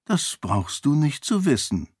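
A man voicing an older king and father in an audiobook, speaking in a dry, gently teasing way. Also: fairly high pitch, sing-song, unhurried, slightly rough, dry recording, voice pushed up, full character voice. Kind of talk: audiobook character voice.

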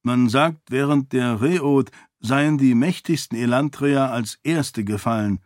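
A man voicing a young exiled prince who is in pain, speaking tensely and with strain, higher than his narration. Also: measured pace, a little mellow, no room sound, studio quality, lightly acted. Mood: troubled.

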